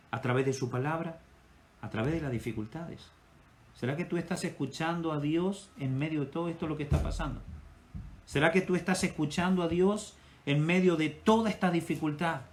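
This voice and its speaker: A male pastor with an Ecuadorian Spanish accent delivers an impassioned sermon in a fairly high voice. He swells and drops in loudness as he preaches.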